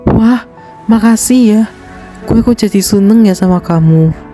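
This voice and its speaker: A woman's voice: medium pitch, measured pace, warm tone, soft background music, voice pushed up, lightly acted. A woman voicing a greedy, envious teenage girl in an amateur game drama, talking in a chatty, whiny way. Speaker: voice actor for a fan drama.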